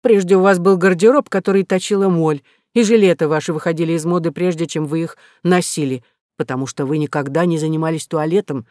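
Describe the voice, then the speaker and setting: A man's voice: a little high, fairly even intonation, fast, darkish tone, no room sound, studio quality, lightly acted. A man reading a novel aloud, voicing a practical, devoted elderly housekeeper with a persuasive, sensible manner. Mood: persuading.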